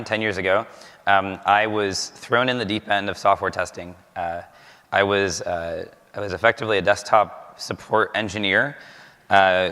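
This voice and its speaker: A man delivers a talk from a conference stage, his voice very low and a little worn from overuse. He pauses often with ums and uhs, and the sound trails off into the long reverb of a large hall. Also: sharp tone. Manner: halting, many ums and uhs. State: losing his voice, clearing throat. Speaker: conference speaker.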